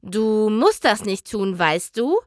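A woman voicing a caring young female pony who talks in an anxious, gentle way. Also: mid-range voice, very animated, takes it slowly, dry recording, studio quality. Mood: worried.

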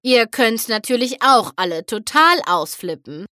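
A cocky, tomboyish young pony from a children's storybook talks with laid-back, self-assured swagger, as a woman puts her on. Her bright voice rides a lively, swinging pitch. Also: measured pace, no room sound, clean studio sound.

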